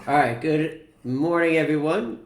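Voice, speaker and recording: A man's voice: a little high, unhurried, gravelly, faint music behind. A man in his forties, a priest hosting a casual parish livestream interview, talking in a chatty, joking way with lots of "uh" fillers. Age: 40s. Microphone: computer camera mic. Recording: echoey parish room.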